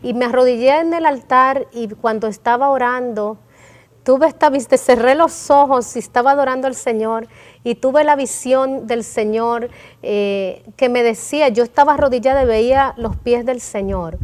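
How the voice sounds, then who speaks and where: A woman's voice: on the high side, moderate pace. Earnest woman sharing a prayer testimony. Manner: earnest, emotional storytelling with quoted prayers. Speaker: guest.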